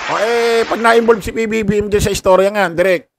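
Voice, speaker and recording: A man's voice: sits high, fairly quick, some chatter behind, slight background noise. A man giving casual political commentary, rambling and forgetful, laughing often and tossing in salty asides. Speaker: online commentator.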